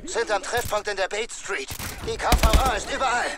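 A man's voice: high-pitched, brisk, very noisy, lightly acted. A man voicing a terse male soldier squadmate in a game, giving clipped military reports. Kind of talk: game voice acting.

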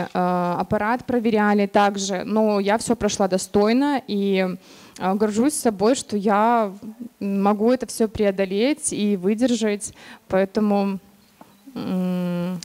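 A woman's voice: mid-range voice, a little mellow. A woman from Belarus, a spaceflight participant, answering press questions in a proud, emphatic way.

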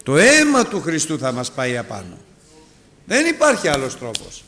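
A man preaching a sermon to his congregation, calling them brothers and moving between loud urgent appeals and hushed asides. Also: huge pitch swings, slight background noise. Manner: dramatic, rises and drops sharply in pitch and loudness; addresses listeners as brothers.

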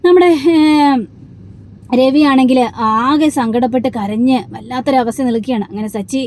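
A woman's voice: sits high, normal speed, a little mellow, slight background noise. A woman retelling a TV serial episode in a chatty storytelling manner with frequent fillers. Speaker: serial recap narrator.

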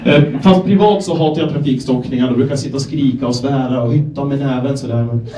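A young Swedish man from Gävle doing a stand-up set, telling self-deprecating stories in a deadpan way and acting out the people in them. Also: mid-range voice, a little hiss or hum. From Sweden, Gävle. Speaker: stand-up comedian. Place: comedy club stage. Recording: echoey club room, voice from a distance.

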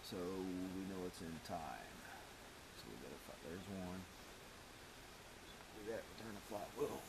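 Working with his hands on an engine rebuild, a middle-aged home mechanic offers short bursts of casual how-to advice in a deep, gravelly, animated voice at a measured pace. A camera mic a step or two off catches him in a big metal-walled garage, along with workshop noise and tool clicks.

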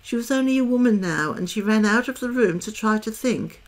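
A woman reading a children's novel aloud in a calm, measured way. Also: a little high. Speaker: storyteller.

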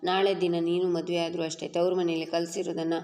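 Woman reading as a steady, principled young wife, low even tone, echoey. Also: quick pace, natural voice. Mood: firm. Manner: calm, firm, reproachful. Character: patient, principled young daughter-in-law.

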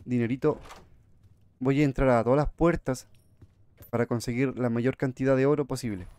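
Guy playing a horror game, jumpy, keeps talking to chat, normal pitch. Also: fairly even intonation, moderate pace, darkish tone, clean tone. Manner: jumpy, chatty, talks to viewers. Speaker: gamer streamer.

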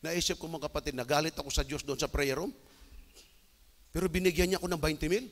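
A man from the Philippines preaching a sermon as an evangelist, telling stories with sudden shouted bursts. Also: a little high, fast talker. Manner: animated storytelling with bursts of shouting. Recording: long hall reverb.

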